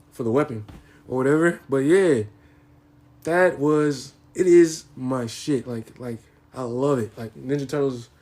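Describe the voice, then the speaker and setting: A man's voice: on the high side, darkish tone. A young man hosting his own podcast, ranting in casual profane slang with mock-dramatic grief. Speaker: podcast host. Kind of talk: casual solo podcast rant.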